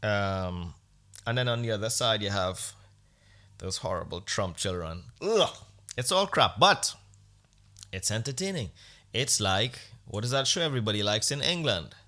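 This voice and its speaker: A podcast host with a voice on the low side delivers a casual, opinionated monologue at a moderate pace. His tone is sharp and animated, and his rant is blunt, sarcastic and profane.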